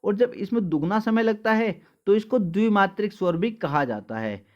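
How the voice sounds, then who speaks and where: A man's voice: sits high, expressive, moderate pace, darkish tone, muffled recording. A male teacher giving an exam-prep lesson, asking questions and answering them himself, calling the students dear children. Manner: addresses listeners as dear children.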